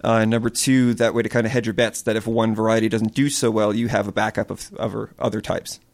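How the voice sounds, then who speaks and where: A man from Connecticut, USA, who runs a small farm earnestly explains his work while answering interview questions. His voice is fairly low and even in tone, and he talks fairly quickly.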